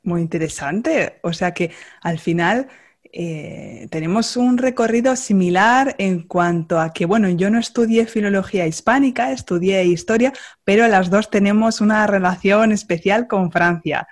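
A woman from Spain, hosting a podcast and interviewing a guest in a friendly, measured way. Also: medium pitch. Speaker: podcast host.

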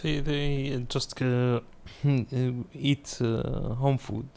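A man's voice: mid-range voice, steady tone, drawn-out words, vocal fry, warm tone. A man guesting on a podcast in casual chat, answering hesitantly with many fillers.

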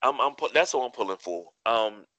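A man with a hoarse, parched voice, chatting casually and haltingly about sports as a podcast co-host. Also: medium pitch, expressive, bright, forceful tone, dry recording, lo-fi sound. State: hoarse, parched throat after a day of yelling.

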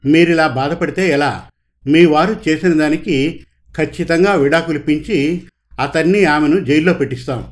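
A calm, wise judge settles a quarrelling couple's case in a storybook reading, voiced by a man. He speaks in an unhurried, measured way, with a slightly raised pitch. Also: natural voice. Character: calm, wise male judge, mildly exasperated.

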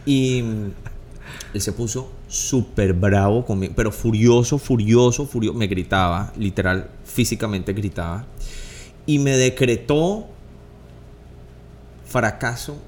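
A man's voice: on the low side, unhurried, darkish tone, a little hiss or hum. A man, co-hosting a casual chat and telling stories earnestly, with many fillers.

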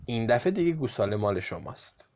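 A man's voice: medium pitch, sing-song, a little mellow, lo-fi sound. A man voicing a greedy male judge who fawns over his master and bosses others, in a storybook reading. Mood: fawning. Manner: servile to the devil, bossy to others.

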